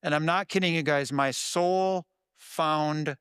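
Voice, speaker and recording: A man preaching a sermon in an earnest, conversational way, his voice sometimes jumping up with excitement. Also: a little high, slow, smooth, no echo, clean studio sound. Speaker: pastor.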